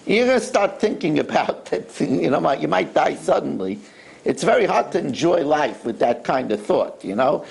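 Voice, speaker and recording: An older man, a rabbi, preaching a sermon and telling stories in an animated way. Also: on the high side, normal speed, gravelly, slightly rough. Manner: animated storyteller who acts out voices.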